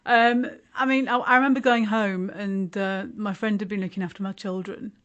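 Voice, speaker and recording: Here a West Yorkshire woman in her forties, slight Yorkshire accent and all, talks in a casual interview as a guest, full of wry, self-deprecating humour. Her mid-range voice is steady at normal speed, captured on a lo-fi recording.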